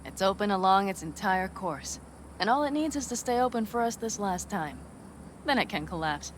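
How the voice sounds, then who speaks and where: A woman's voice: mid-range voice, animated, normal speed, a little hiss or hum, close to an everyday voice. A woman playing a tough, confident nomad in a video game, matter-of-fact and reassuring. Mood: assured.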